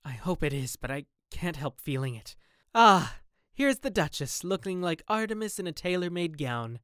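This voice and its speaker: A man playing a troubled young gentleman who speaks in a melancholy, anxious way. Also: on the high side, big pitch swings, normal speed, smooth, dry recording, studio quality, pitched above the performer's own voice. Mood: anguished.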